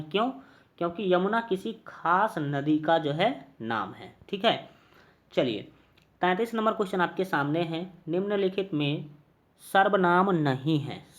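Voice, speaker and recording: Teaching an exam-prep lesson with a Bihari Hindi accent, a man works through multiple-choice questions one at a time, repeating each answer to drill it in. He fills pauses with hesitations and lots of fillers, and his voice is a little high and a bit bright.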